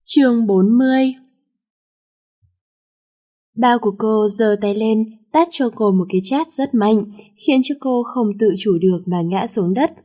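A woman reading a romance novel aloud in a steady storytelling manner. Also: fairly high pitch, measured pace, long pauses. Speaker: audiobook narrator.

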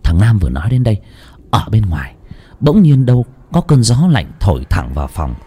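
A man's voice: on the low side, sing-song, fairly quick, dark tone, breathy edge. A man narrating a lurid village horror story. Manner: dramatic, lurid.

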